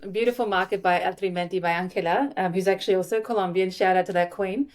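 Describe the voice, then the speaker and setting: A woman hosting a podcast in casual, enthusiastic chat with quick asides. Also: mid-range voice, steady tone, a little mellow. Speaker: podcast host.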